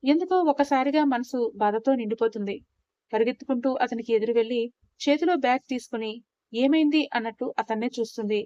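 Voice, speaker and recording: A woman narrating a romantic audio story in a steady, expressive way. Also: fairly high pitch, quick pace, no room sound, dull audio.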